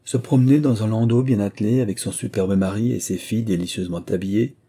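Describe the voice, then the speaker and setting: A man narrating a classic novel aloud in calm, even storytelling. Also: lowish voice, fast talker, husky. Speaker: audiobook reader.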